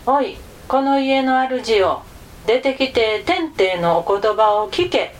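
A woman's voice: on the high side, lively intonation, slow pace, a little hiss or hum. Woman doing a solemn heavenly messenger. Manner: grave, commanding, archaic speech. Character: young man posing as a solemn heavenly messenger.

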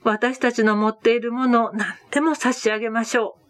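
A woman voicing a solemn old male teacher in a storybook reading, speaking plainly and gravely. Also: a little high, little pitch movement, a little fast, no room sound, studio quality, pitched above the performer's own voice, natural voice.

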